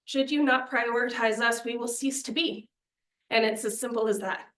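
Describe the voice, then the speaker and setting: A woman's voice: on the high side, fairly even intonation, moderate pace, fairly bright tone. A young woman presenting a student media budget to a committee, earnest and persuasive, a little out of breath. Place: meeting room. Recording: echoey meeting room.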